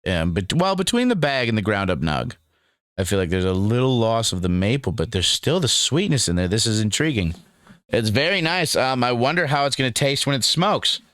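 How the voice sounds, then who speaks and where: A man's voice: mid-range voice, very animated, fairly quick, fairly bright tone, dry recording, studio quality. Laid-back young man reviewing on camera. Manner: laid-back and rambling, calls the viewer dude and man. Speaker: cannabis strain reviewer. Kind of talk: casual review vlog.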